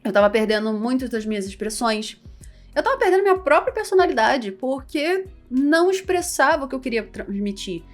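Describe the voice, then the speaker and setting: A woman's voice: sits high, a little fast, soft background music. Chatty Carioca woman vlogging. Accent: Carioca Portuguese. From Rio de Janeiro, Brazil. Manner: animated, chatty, self-deprecating. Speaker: VTuber and content creator. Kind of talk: casual vlog talk.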